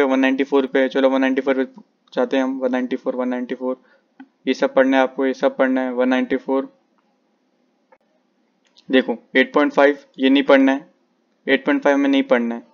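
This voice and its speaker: A man teaches physics, going through the syllabus with his students page by page. His voice stays flat and steady, and he repeats his instructions many times. The recording sounds slightly dull and lo-fi. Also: medium pitch, clean tone. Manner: repetitive, instructive, page-by-page directions. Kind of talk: syllabus walkthrough lesson.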